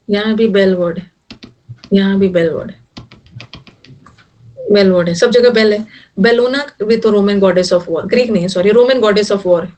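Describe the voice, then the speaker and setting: A woman's voice: mid-range voice, a little mellow, recorded from a distance. A middle-aged woman teaching an English vocabulary class, mixing Hindi and English and using jokey memory tricks for each word.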